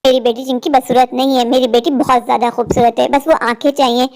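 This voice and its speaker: A woman voicing a worried, loving widowed mother of two daughters in a cartoon story, speaking quickly and pleadingly. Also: sits high, steady tone, darkish tone, natural voice. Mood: tender.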